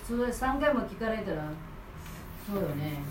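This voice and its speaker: A woman's voice: mid-range voice, lively intonation, a little slow, a little hiss or hum. A woman in a Bible class, sharing her thoughts in a casual discussion. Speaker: class participant.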